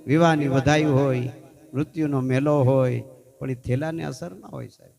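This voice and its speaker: A man's voice: mid-range voice, fairly even intonation, normal speed, vocal fry, darkish tone, faint music behind. A man, a folk storyteller at a festival gathering who keeps asking his audience "hey?" as he talks. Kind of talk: folk storytelling with sung verses.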